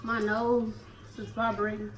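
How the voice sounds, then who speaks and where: A woman's voice: fairly high pitch, completely flat delivery, a little slow. A young woman hosting a mukbang, chatting casually and joking in slang while she eats. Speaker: mukbang host. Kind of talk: casual chat while eating. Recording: echoey room with loud noise.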